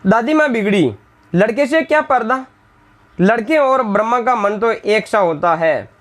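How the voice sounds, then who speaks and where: A male teacher with a high, fairly bright voice and lively intonation works through a Hindi textbook lesson in class at a measured pace, reading lines aloud and then retelling them in simple words. At one point he briefly acts out the scolding lines of the village women.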